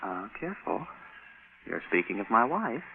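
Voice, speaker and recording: A man's voice: fairly low pitch, sing-song, normal speed, vocal fry. A man playing an eager, easily flustered young rocket pilot captain in a 1950s radio drama, wry and hesitant. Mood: guarded. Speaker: narrator and lead actor. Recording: noisy, tinny vintage radio broadcast.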